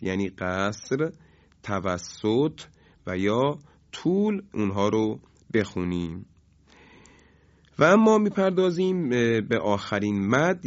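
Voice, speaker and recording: Male recitation teacher, mid-pitched, measured explanations with sung examples, muffled recording. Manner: explains slowly, chants examples drawn out. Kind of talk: lesson on tajwid rules. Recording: dull lo-fi recording.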